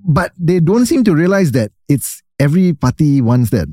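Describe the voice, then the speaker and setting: A man's voice: a little high, big pitch swings, moderate pace, warm tone, no echo, studio quality. A young man with a Singaporean English accent, co-hosting a podcast in rambling, casual chat with local slang and many fillers. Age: young adult. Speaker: podcast co-host.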